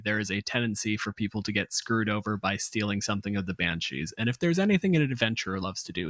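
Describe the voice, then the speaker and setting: A man co-hosts a tabletop gaming podcast, discussing game monsters in a casual yet analytical way. He's articulate, emphatic, and opinionated, with a lowish, slightly bright voice and no room sound.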